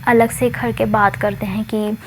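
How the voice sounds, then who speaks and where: A woman's voice: medium pitch, level tone, measured pace, a little hiss or hum. A woman narrating a love story in a chatty, casual way, mixing in English words.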